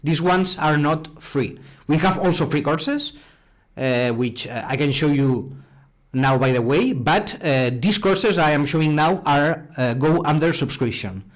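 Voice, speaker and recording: His voice sits on the high side, animated and at a measured pace. This Spanish-accented robotics instructor from Spain teaches a programming class live online, chatting casually, repeating words often, and answering questions from the chat.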